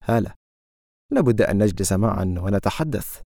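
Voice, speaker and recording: A man's voice: lowish voice, expressive, fairly quick, creaky, dark tone, dry recording, studio quality, voice pushed down. A man reading an audiobook, voicing an earnest young man who speaks insistently.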